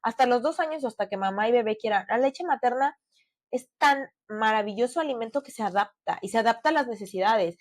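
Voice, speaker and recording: A woman's voice: fairly high pitch, lively intonation, fairly quick, no echo. A woman, co-hosting a podcast and telling her story in an earnest, chatty way with many fillers. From Mexico. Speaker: podcast co-host. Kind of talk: casual podcast chat.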